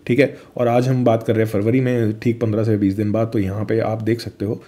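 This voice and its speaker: A man's voice: on the low side, level tone, fairly quick, warm tone. A young man, chatty and casual, walking viewers through crypto charts in a vlog and calling the listener his friend. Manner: chatty Hinglish, addresses viewers as friend, fillers. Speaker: crypto vlogger. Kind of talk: screen-share chart walkthrough.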